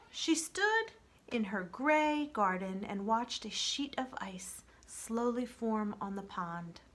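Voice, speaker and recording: A woman reads a children's novel aloud with a mid-range voice. Her storytelling is expressive, measured and gentle, and she softens at the ends of phrases.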